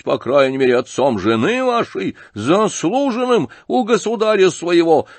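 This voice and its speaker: A man's voice: mid-range voice, gravelly, no room sound, pitched above the performer's own voice, exaggerated voice. A man voicing a pompous, furious old retired general who declaims and thunders with indignation.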